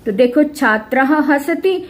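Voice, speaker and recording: Teaching grammar to students in a high, expressive voice, a woman explains things patiently in a classroom-style lesson. She reads examples out slowly and clearly and uses tag questions to make sure they follow.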